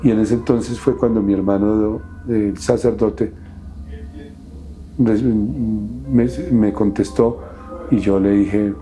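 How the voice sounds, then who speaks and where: A middle-aged man, recounting his past as an interview guest in a halting, emotional way with many restarts. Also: fairly low pitch, fairly even intonation, warm tone, soft background music. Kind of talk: personal testimony in an interview.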